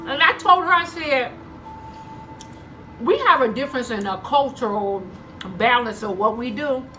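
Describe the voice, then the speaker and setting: An expressive woman with a high, sharp voice takes her time while faint music plays in the background. As a mukbang vlogger, she eats and chews between phrases, chatting to y'all and acting out moments from her stories.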